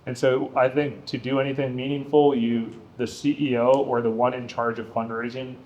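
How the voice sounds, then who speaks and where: A man's voice: medium pitch, flat delivery, moderate pace, darkish tone, highs cut off. A man speaking as a biotech operator on a panel, emphatic and listing many examples. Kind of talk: panel discussion answer.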